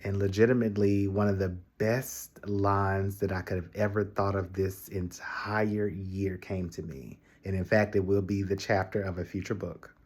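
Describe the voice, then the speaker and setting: Animated man telling a vlog story. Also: normal speed, few pauses. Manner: animated, with sudden high exclamations; acts out quoted voices in his retelling. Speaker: vlogger.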